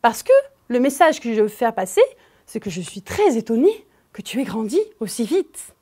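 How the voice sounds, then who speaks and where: A woman's voice: on the high side, sing-song, a little mellow, slightly rough. A woman with a French accent teaching a grammar lesson to children, speaking to the pupil directly and stressing key words. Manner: slow, emphatic, addresses the pupil directly.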